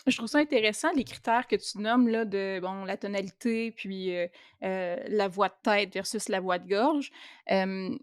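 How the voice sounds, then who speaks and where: A woman's voice: mid-range voice, normal speed, clean tone, no room sound, clean studio sound. A woman, a guest player on a podcast, talking with frequent hesitations. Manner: hesitant, many fillers. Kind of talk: casual podcast chat.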